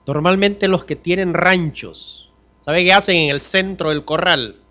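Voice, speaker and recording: Speaking a little slowly, a male pastor preaches in a church, asking his congregation rhetorical questions. He alternates between booming emphasis and soft, low passages.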